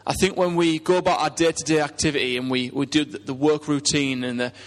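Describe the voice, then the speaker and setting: A man with a Teesside English accent delivers a sermon in a conversational, earnest way. His voice sits high for a male speaker, and he often turns to the congregation with rhetorical questions. The sound carries the long reverb of a hall. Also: fairly even intonation, brisk. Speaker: preacher.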